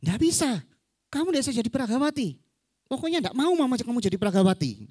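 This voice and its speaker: A preacher acting out an angry, strict mother who scolds her child in a raised, shrill voice. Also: sing-song, quick pace, mellow, husky, dry recording, studio quality.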